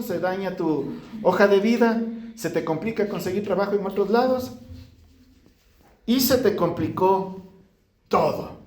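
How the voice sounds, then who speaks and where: A male pastor delivering a lively sermon to his congregation, acting out pleading prayers as he preaches. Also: sits high. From Ecuador. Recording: echoey church room.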